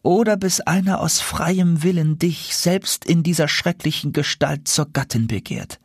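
Man playing a menacing sorcerer, slow gloating curse, raised husky voice. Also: a little high, dry recording, clean studio sound, pitched above the performer's own voice. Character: vengeful male sorcerer, menacing.

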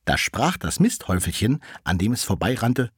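Fairy-tale narrator, lively, breathy, dry close sound. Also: medium pitch, moderate pace, no room sound.

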